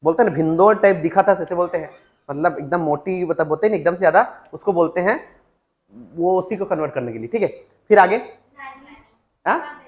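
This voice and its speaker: In a lesson on Chhattisgarhi vocabulary, a man teaching a class dictates words, repeats them, and quizzes students. He talks briskly in a high register, pausing often, and the recording is muffled.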